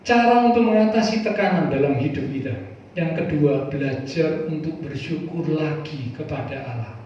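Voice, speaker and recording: A male pastor, preaching a lively, folksy sermon with playful asides. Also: on the high side, normal speed, a little hiss or hum. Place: large church hall. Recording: echoey church hall, distant mic, dull sound.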